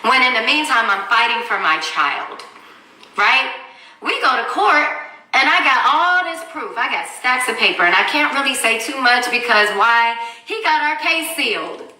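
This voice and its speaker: A woman's voice: fairly high pitch, animated, normal speed, sharp tone. A woman in her thirties on a livestream, telling her story as a mother in a blunt, angry and profane way. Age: 30s. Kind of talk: livestream rant. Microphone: phone. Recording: echoey room, far from the mic.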